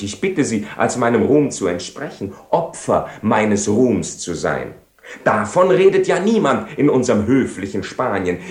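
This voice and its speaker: A man's voice: medium pitch, a little mellow, close to an everyday voice. An actor playing Don Juan as a cynical, world-weary Spanish nobleman and seducer, eloquent and ironic, in a radio play. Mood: indignant, ironic. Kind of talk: 1970s German-language radio play acting. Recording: roomy 1970 radio studio recording.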